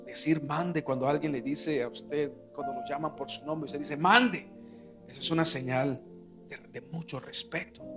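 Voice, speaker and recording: A middle-aged man delivers a sermon as a pastor. His voice sits high and bright, and a little music plays faintly behind him. He keeps calling his listeners brother and climbs to loud, emphatic peaks. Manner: preachy, repeats "hermano", swells to loud emphatic peaks.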